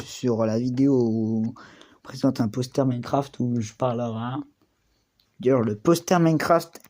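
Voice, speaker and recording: A man's voice: medium pitch, mellow. A male YouTuber casually presenting collectible figures, rambling and drifting off topic with many restarts. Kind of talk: casual unboxing vlog.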